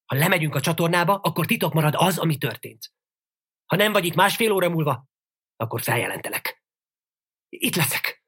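A man's voice: on the high side, animated, long pauses, a bit bright, husky, pitched above the performer's own voice, exaggerated voice. A man reading aloud and voicing a half-hairy man who harshly threatens and commands a hotel maid. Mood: menacing.

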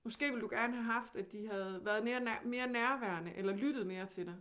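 Calm and gentle, a Danish-accented female teacher leads the lesson with many questions, her pitch sitting fairly high.

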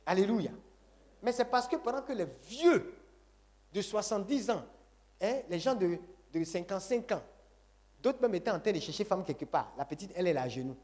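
A man's voice: high-pitched, animated, brisk, long pauses, darkish tone. A man preaching a sermon to a congregation, emphatic and repetitive, calling on the audience to say amen. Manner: call-and-response, asks congregation to say Amen; emphatic, repeats phrases.

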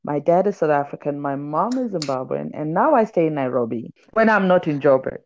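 A woman writer who is a podcast guest, chatting in a lively storytelling way and reading aloud from her book. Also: sits low, brisk, muffled recording.

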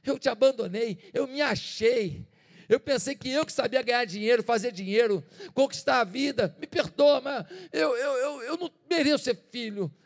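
A man's voice: very high-pitched, normal speed, pitched above the performer's own voice. A man voicing a remorseful young son begging his father for forgiveness, in a pleading, broken way. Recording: reverberant church hall.

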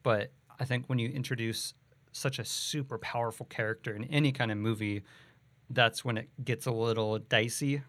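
A man's voice: mid-range voice, fairly even intonation, normal speed, fairly bright tone. A man co-hosting a podcast, chatting casually about a movie and thinking aloud with many "like"s and "you know"s. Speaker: podcast co-host.

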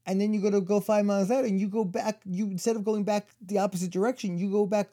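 A man's voice: high voice, steady tone, fast talker, mellow. A man in his forties, co-hosting a casual chat and telling long stories full of "like" and "you know.". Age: 40s. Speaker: podcast co-host.

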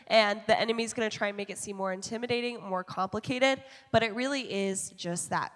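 A woman's voice: mid-range voice, big-room sound. A woman in her twenties, a youth pastor on a panel, explaining in an encouraging way with everyday examples. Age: 20s. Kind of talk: panel Q&A teaching.

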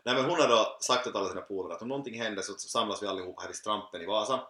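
A man's voice: fairly low pitch, bright, forceful tone. A man co-hosting a podcast in a casual chat, laid-back and laughing a lot. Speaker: podcast co-host. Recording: echoey room.

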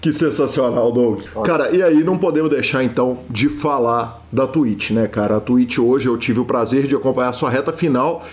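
Courteous podcast host. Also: male voice, medium pitch, normal speed, few pauses, darkish tone. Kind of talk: interview hosting.

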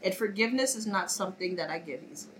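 A woman's voice: medium pitch, expressive, racing, slight background noise, low-quality recording. A woman in casual podcast chat, slightly nasal from a cold, speaking candidly and thoughtfully. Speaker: podcast co-host.

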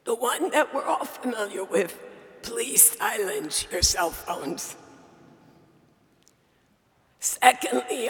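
A sultry, strained voice with a gravelly rasp and a forceful edge, ringing through a long chapel reverb. The speaker delivers a formal ceremonial address slowly and deliberately, as an official opening a graduation. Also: mid-range voice. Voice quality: strained, raspy dysphonic voice; sultry, husky sound. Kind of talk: formal ceremonial welcome speech. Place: large university chapel, speaking to an assembly.

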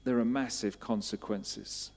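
A man preaching a sermon, asking repeated questions and building to emphatic, louder bursts. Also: on the low side, fairly even intonation, unhurried, gravelly.

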